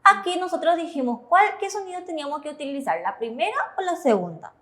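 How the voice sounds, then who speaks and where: A woman teaching Korean syllables, explaining slowly and checking understanding as she goes. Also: high-pitched, lively intonation, a bit bright. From Paraguay. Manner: slow, careful, checks understanding with "¿verdad?". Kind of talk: classroom explanation.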